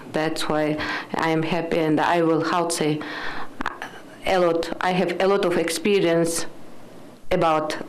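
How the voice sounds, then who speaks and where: An earnest woman with a somewhat low voice introduces herself as an English teacher. She explains things carefully in a formal setting, with faint ambient noise behind her. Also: poor audio. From Kyrgyzstan. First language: Kyrgyz.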